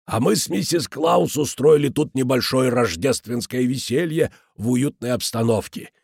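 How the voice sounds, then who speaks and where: A man's voice: medium pitch, normal speed, vocal fry, a little mellow, husky, dry recording, studio quality, voice pushed up. A man voicing a jovial middle-aged innkeeper with a hearty, theatrical manner.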